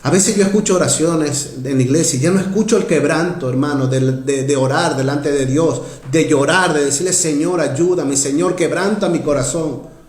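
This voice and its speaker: A man preaching a sermon as pastor, urgent and heartfelt, surging loud then dropping to quiet asides as he keeps calling out to his brothers and sisters. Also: brisk, hardly any pauses, echoey room. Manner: impassioned, swings from loud rises to low quiet asides, keeps addressing "hermanos".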